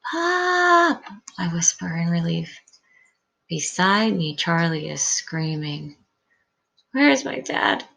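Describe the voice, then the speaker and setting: Slow, gravelly-voiced woman reading aloud. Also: fairly low pitch, rough recording. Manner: expressive storybook reading, pausing to comment. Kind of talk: reading a picture book aloud.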